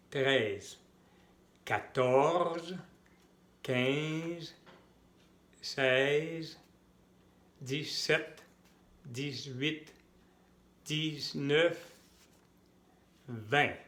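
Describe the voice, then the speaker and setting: Very slow, deliberate male language teacher. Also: mid-range voice, a bit bright. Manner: deliberate, repeats words to model pronunciation. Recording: echoey room.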